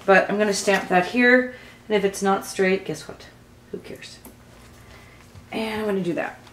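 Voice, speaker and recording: A woman talking casually through a craft tutorial as she works, rambling and thinking aloud, with a low early-morning voice. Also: fairly even intonation, brisk. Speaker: mixed-media craft tutorial host. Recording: echoey room, faint background noise.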